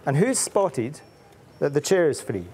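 A man's voice: on the high side, big pitch swings, measured pace, dark tone, slight background noise. A middle-aged man, an author reading his picture book aloud to children, playful and full of questions for them.

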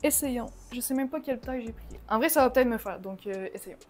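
Chatty young Québécoise, higher voice. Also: female voice, fast talker. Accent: Québécois French. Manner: chatty, mixes in English slang and swearing; bursts of excitement. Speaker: vlogger. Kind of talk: casual haul vlog.

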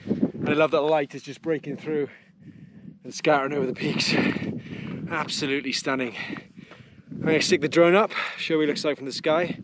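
A young man talking to a handheld camera at arm's length on a mountain summit, upbeat and excited about the views. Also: fairly high pitch, brisk. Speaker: hiking vlogger. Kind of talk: selfie talk to camera. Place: windy mountain summit, outdoors. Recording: loud wind noise on the mic. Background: loud wind.

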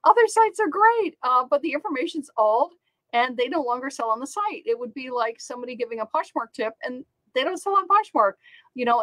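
A woman's voice: a little high, a bit bright, dry recording, rough recording. A middle-aged woman hosting a channel on online selling, talking casually and upbeat with many fillers and repeated words. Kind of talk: casual talk to camera.

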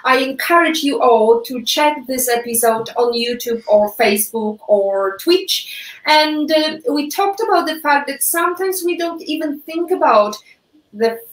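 High-voiced Polish woman hosting. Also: measured pace, echoey room, far from the mic, rough recording. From Poland. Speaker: host. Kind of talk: live-streamed interview.

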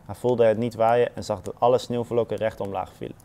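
Low, mellow man reading a children's story. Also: fairly even intonation, brisk.

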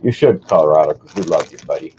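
A man's voice: extremely low pitch, expressive, fast talker. A man calling a live online coin auction, chatty and greeting bidders by name. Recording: dull audio with faint hiss.

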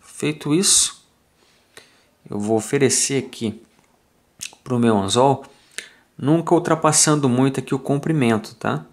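A man with a Brazilian Portuguese accent explains fly tying step by step in a calm, methodical way, counting off each turn aloud. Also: medium pitch, unhurried, pauses often. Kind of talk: step-by-step tutorial narration.

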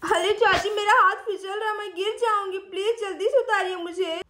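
A woman voicing a tearful little girl stuck up high. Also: fairly even intonation, moderate pace, bright, forceful tone. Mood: urgent. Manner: whiny, pleading, tearful. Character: small frightened girl stuck in a tree.

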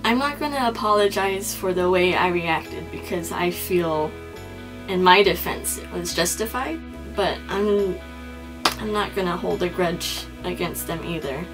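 A woman's voice: on the low side, unhurried, music in the background, low-quality recording. A young woman doing a mock-serious confessional vlog monologue, earnest and solemn, often restarting her sentences. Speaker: comedy vlogger.

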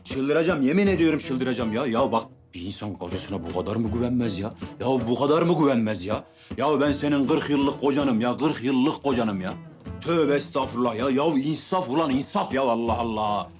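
A man's voice: medium pitch, expressive, fairly quick, a little mellow, lightly acted. A man in his sixties playing a despairing, exasperated older husband in a TV series, full of sighs and exclamations, with faint music behind. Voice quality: sighing, exclaiming. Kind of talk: TV series acting.

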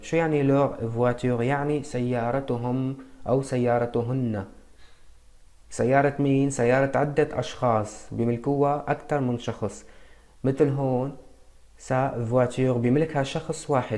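A man's voice: mid-range voice, mellow. Syrian-accented male tutor, patient, asks the viewers questions, drags out each French word. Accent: Syrian Arabic. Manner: spells out French words slowly. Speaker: French teacher. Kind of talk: beginner language lesson.

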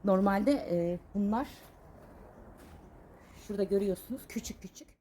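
A Turkish woman in her thirties talking casually while she works in her home garden, sharp-tongued and indignant, then chatty. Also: mid-range voice, normal speed, a little hiss or hum. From Turkey. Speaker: vlogger.

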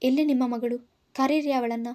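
Give me a woman playing a furious young man who shouts orders, in a mellow storybook voice. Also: high-pitched, moderate pace, lightly acted. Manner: shouting, commanding. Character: furious young man confronting his obsessive cousin.

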